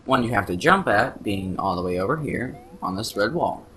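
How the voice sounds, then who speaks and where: A man's voice: lowish voice, expressive, normal speed, bright, forceful tone, a little hiss or hum. A man giving casual, joking commentary as he plays through a video game. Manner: sarcastic and joking. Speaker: let's play commentator.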